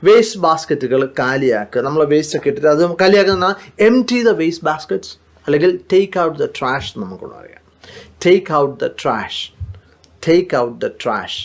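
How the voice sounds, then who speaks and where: Middle-aged Malayali man, English tutor; fairly high, lively voice, drills each phrase slowly. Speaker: English teacher. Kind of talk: spoken English lesson.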